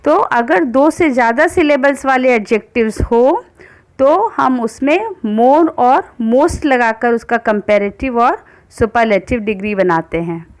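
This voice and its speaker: A woman teaching English grammar, reading each rule out slowly and then explaining it in Hindi, asking and answering her own questions. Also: fairly high pitch. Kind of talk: explanatory lesson.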